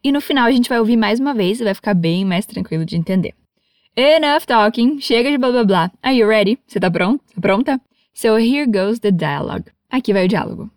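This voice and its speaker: A woman's voice: fairly high pitch, lively intonation, brisk, no echo, studio quality. Encouraging Brazilian woman teaching English. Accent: Brazilian Portuguese. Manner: encouraging, patient, playful. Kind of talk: lesson for learners.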